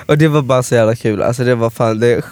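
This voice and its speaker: A young man, co-hosting a casual podcast and telling a story with lots of laughter and acted-out quotes. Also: mid-range voice. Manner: animated storyteller, laughs often, acts out quotes. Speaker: podcast co-host.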